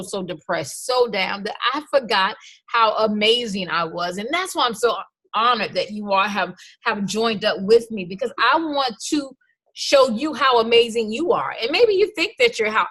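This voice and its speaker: Upbeat woman coach telling her story. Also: medium pitch. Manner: upbeat, personal storytelling with bursts of excitement. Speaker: life coach. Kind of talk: motivational workshop talk.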